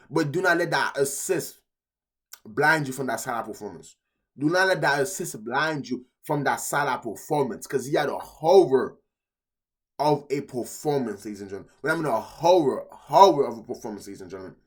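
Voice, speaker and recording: A sick, out-of-breath man chatting casually as he recaps football results, excitable and repeating himself as he talks to his viewers. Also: on the low side. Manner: excitable, repeats phrases, keeps addressing the audience. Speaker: football vlogger.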